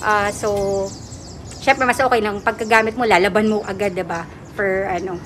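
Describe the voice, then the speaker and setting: A woman's voice: medium pitch, fairly even intonation, fairly quick, a bit bright. A young woman with a Filipino accent, chatting casually through a face mask while reviewing a product and addressing viewers as guys. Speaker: vlogger. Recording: music playing behind.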